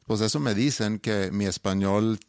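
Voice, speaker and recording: A Swedish-born man in his forties, a native Swedish speaker, whose Spanish carries a Monterrey accent with a slight foreign tinge. He talks in a relaxed, easygoing way, chatting casually. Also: fairly low pitch, normal speed, clear, resonant tone, no room sound, studio quality. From Sweden. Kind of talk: casual chat.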